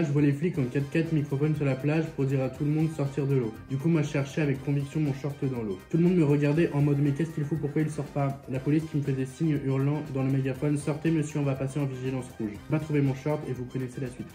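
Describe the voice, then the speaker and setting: A man's voice: a little high, steady tone, quick pace, few pauses, dark tone, soft background music. A young man with a French accent chatting casually and sassily while eating, swearing freely and talking with his mouth full. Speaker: vlogger reacting to viewer stories.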